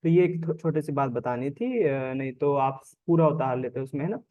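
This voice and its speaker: A man's voice: fairly high pitch, moderate pace, narrow, tinny audio. A man teaching an online class, explaining in a conversational way and often checking in with students.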